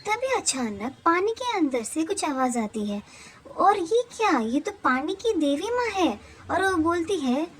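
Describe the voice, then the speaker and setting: Woman storyteller, cartoon fable narration, steady and plain, high voice. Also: a little slow, slight background noise.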